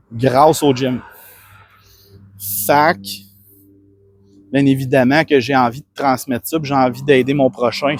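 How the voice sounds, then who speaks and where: This man has a Québécois French accent and a slightly high voice, talking earnestly as a fitness coach in a rambling, casual monologue promoting himself. He restarts often and uses many fillers. There's a little hiss or hum in the recording.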